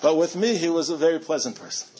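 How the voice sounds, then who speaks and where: A man's voice: fairly high pitch, expressive, fast, mellow, a little hiss or hum. A middle-aged man giving a storytelling talk to a community audience, chatty and self-amused, with frequent restarts.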